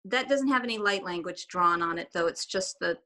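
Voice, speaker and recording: This guest artist, a woman whose native languages are German and Swiss German, chats casually on a video call, rambling a bit and restarting sentences. Her voice sits fairly low and moves fairly quickly, with a bright, forceful tone.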